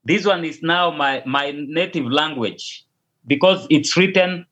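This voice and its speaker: A Kenyan pastor whose native language is Luo answers interview questions over a call, hesitating and often repeating or restarting words. His voice is on the high side, a bit bright, and a little slow. The audio is dull and lo-fi.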